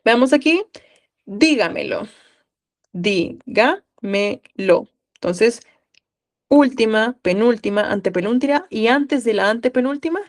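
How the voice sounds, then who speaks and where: A woman from Guatemala with a Guatemalan accent, tutoring a live online class and coaxing students with questions. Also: a little high.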